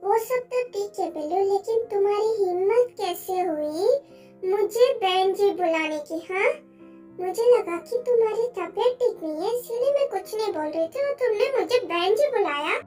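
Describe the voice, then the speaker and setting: A woman's voice: very high voice, fairly even intonation, normal speed, a little mellow, soft background music. A woman voicing an emotional, remorseful young woman in an amateur fan dub, speaking in a pleading way. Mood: scolding.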